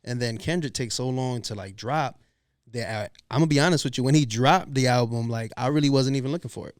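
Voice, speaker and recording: A man's voice: medium pitch, fairly quick, no room sound, studio quality. A man in casual slangy chat, giving emphatic opinions in an informal way.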